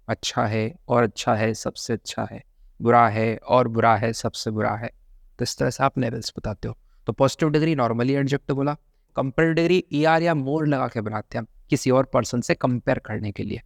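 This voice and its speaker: A man teaching English grammar for exam prep, chatty and drawing out his examples slowly. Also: mid-range voice, creaky, no echo, clean studio sound. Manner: chatty, drills examples slowly, calls viewers brother.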